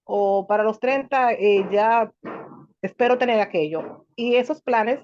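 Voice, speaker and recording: A woman in her thirties joining an online session, sharing a personal example slowly and thoughtfully, with some hesitations. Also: on the high side. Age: 30s. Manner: slow, thoughtful, hesitant with fillers. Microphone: video call. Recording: muffled video call audio.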